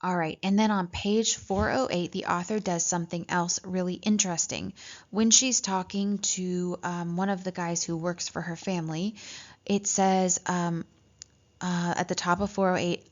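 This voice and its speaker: A woman teaching a literature lesson, reading passages from a story and explaining them, often checking in with "right?" and pausing on "um". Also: on the low side, fairly even intonation. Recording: dull lo-fi recording.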